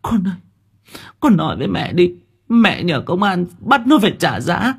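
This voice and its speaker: A man's voice: sits high, very animated, normal speed, creaky, husky, pitched above the performer's own voice, exaggerated voice. A man doing a pleading grieving mother. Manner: wailing, pleading.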